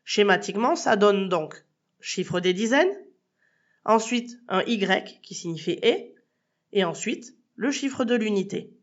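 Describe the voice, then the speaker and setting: Slow, patient woman teaching a language. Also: medium pitch, animated, dull audio. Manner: patient, spells words letter by letter; addresses the listener as tu. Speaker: Spanish teacher. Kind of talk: podcast lesson.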